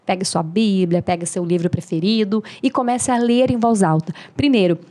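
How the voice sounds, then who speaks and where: A woman's voice: medium pitch, normal speed, mellow. A woman, a speaking mentor explaining tips in a friendly, teaching way as a podcast guest. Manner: didactic, demonstrative, friendly.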